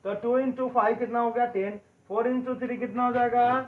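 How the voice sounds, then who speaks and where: High-voiced man teaching math. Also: fairly even intonation, a little fast. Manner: repetitive, checks in with listeners often. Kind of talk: classroom-style video lesson. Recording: echoey room, dull lo-fi audio.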